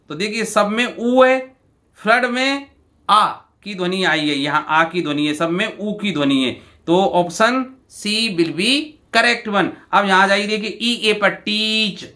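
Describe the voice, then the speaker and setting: A male teacher, going through exam answers and repeating each word slowly to his students. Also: sits high, sharp tone. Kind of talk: exam answer walkthrough lesson.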